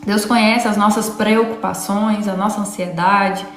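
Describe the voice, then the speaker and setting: A woman's voice: mid-range voice, fairly even intonation, unhurried, echoey room, a little hiss or hum. A woman giving an earnest, conversational devotional talk and speaking directly to her listeners. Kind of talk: devotional teaching.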